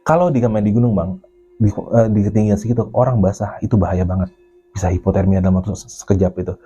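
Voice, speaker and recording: A man's voice: lowish voice, quick pace, breathy edge, lo-fi sound, faint music behind. Swearing man telling a ghost story. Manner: animated, acts out his own and others' quoted lines; swears casually, keeps addressing the listener as Bang. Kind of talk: casual storytelling chat.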